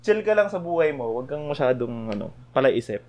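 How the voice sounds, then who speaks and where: Animated Filipino man telling stories. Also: medium pitch, fairly quick, dull audio. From Philippines. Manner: animated storyteller, mixes Filipino and English. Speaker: podcast co-host. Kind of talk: casual chat, birthday tribute.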